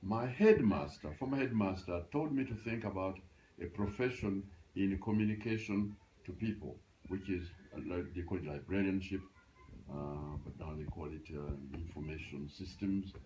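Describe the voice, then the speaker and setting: A man in his eighties from Uganda, reminiscing in a home interview, halting and restarting as he recalls his past. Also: sits low, lo-fi sound, a little hiss or hum. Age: 80s. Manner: halting, restarts often, animated when recalling. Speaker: interviewee, grandfather. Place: grandparents' house, indoors.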